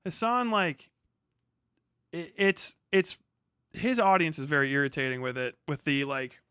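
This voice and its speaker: Responding to his chat, an American livestreamer keeps up casual, profane, slang-filled rambling as he reads and answers messages. His slightly high voice is steady, unhurried, pushed, and bright, with a clean tone in a dry recording and clean studio sound.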